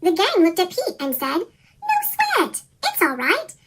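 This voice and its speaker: A reader of a rhyming children's picture book, voice pitch-shifted into a chipmunk effect, reading in a sing-song way. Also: wildly swooping pitch, unhurried, pushed and bright. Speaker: storybook reader.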